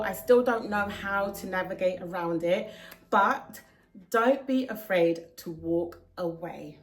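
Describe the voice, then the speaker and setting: A woman's voice: medium pitch, a bit bright. A young woman vlogging to camera, earnestly sharing heartfelt advice with casual fillers. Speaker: hair vlogger. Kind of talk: casual talking-to-camera vlog.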